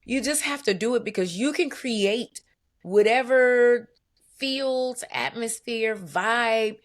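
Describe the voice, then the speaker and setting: A woman guest, a business owner, telling her story in an animated, emphatic way with vivid asides. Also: a little high, slow pace. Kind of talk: conversational storytelling.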